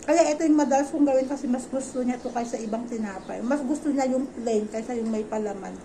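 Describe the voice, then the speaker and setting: Soft-spoken mother chatting at home. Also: on the high side, fast talker, background noise. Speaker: vlogger, mother. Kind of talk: casual home vlog chat.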